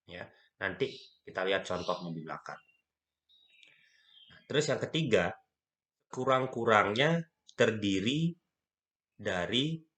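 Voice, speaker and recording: Low-voiced man giving a slow grammar lecture. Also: bright, forceful tone. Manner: slow, stressing key words, frequent "ya" and "nah".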